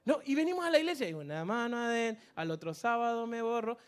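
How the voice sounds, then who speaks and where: A preacher delivering a sermon in a church with storytelling, moving between loud calls and hushed, near-whispered lines. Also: mid-range voice, expressive, quick pace. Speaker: guest preacher.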